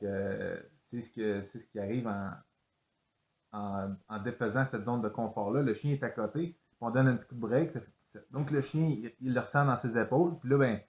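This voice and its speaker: A man's voice: lowish voice, a little mellow, echoey room. A man explaining a sled dog exercise, hesitant with many fillers and restarts. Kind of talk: instructional explanation.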